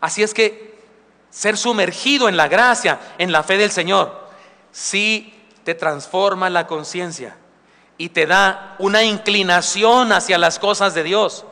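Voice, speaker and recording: Male pastor, bright voice pitched a bit high, chatty sermon, church with long reverb. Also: unhurried. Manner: conversational preaching, with asides and humor. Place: church sanctuary. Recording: live church recording with long hall reverb.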